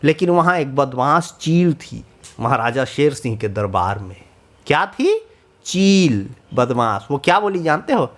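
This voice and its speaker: A man narrating a children's cartoon story, often pausing to ask the young listeners questions. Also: mid-range voice, sing-song, a bit bright. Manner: asks the children questions, sing-song.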